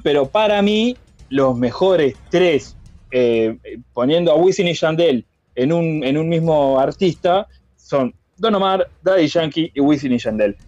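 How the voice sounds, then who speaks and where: A man's voice: fairly high pitch, darkish tone, no room sound, lo-fi sound. A young man with a Uruguayan accent, co-hosting a casual music podcast in an emphatic, joking way. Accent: Uruguayan Spanish. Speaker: podcast co-host. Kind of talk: casual chat about music.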